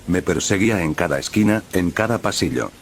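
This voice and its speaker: A man narrating a first-person horror story in a grave, measured way. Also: low voice, expressive, a little hiss or hum.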